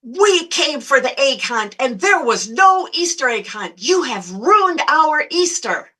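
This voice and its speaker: A woman storyteller voicing an irate mother who shrieks her complaints slowly and indignantly. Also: bright, forceful tone, breathy edge, exaggerated voice. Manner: shrill, slow, indignant.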